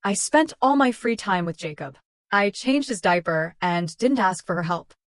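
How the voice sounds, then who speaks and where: A woman's voice: mid-range voice, lively intonation, normal speed, dry recording. Woman narrating a story, dry and close. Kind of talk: scripted first-person story narration.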